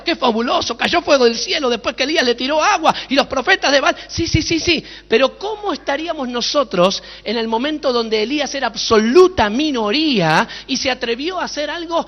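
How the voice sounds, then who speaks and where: High-voiced pastor preaching dramatically. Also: male voice, expressive, moderate pace. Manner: dramatic storytelling, with sudden shouts and rhetorical questions. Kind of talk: sermon. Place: large hall at a conference. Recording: echoey hall, dull lo-fi sound.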